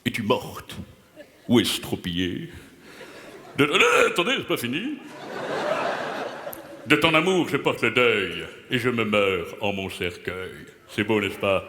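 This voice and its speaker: A man's voice: on the low side, lively intonation, slow pace, pauses often. A man playing a pompous, self-important playwright before a live audience, declaiming grandly and laughing at his own jokes. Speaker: comedian performing a character for a live crowd. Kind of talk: improvised comic character act. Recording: echoey hall with loud crowd noise.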